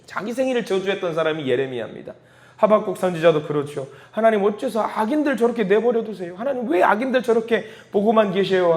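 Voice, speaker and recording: A male pastor preaching a sermon at a church prayer meeting, swinging from hushed asides to loud emphatic lines and repeating key points. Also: on the high side.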